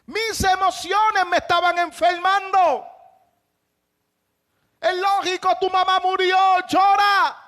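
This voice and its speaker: A male pastor delivers a fervent sermon in a strikingly high-pitched voice. He drives his points home by raising his voice to a shout, then drops back to plain conversational preaching. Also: level tone, takes it slowly, long pauses. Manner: impassioned preaching with shouted emphases.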